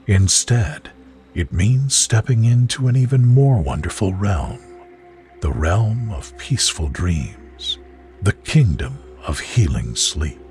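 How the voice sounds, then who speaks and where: Over background music, a low-voiced man narrates a scripted guided sleep visualization, reading a bedtime relaxation story in a soothing, gentle, measured way.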